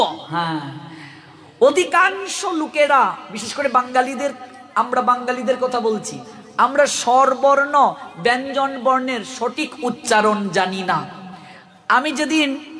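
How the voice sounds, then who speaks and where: A man's voice: very high voice, sharp tone. A man teaching pronunciation, spelling words out letter by letter with chuckling asides. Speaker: religious speaker teaching pronunciation. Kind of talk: spoken lesson to an audience. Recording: long hall reverb.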